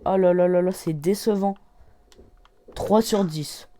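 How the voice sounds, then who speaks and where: A woman voicing lively game commentary from her desk, easily excited and quick to cheer or groan. Her voice sits a little low and sounds dark and mellow. She exclaims often and scores each item out of ten. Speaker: gaming channel host.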